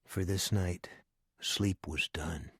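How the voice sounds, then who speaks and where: Man, audiobook narration, measured and hushed, lowish voice, dry close recording. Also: steady tone, creaky, husky, dry recording.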